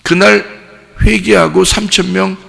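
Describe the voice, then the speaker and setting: A male pastor preaching an animated sermon, throwing rhetorical questions at the congregation and acting out sounds. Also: high voice, a little slow, gravelly. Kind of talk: dawn service sermon. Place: church sanctuary. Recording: long church hall reverb.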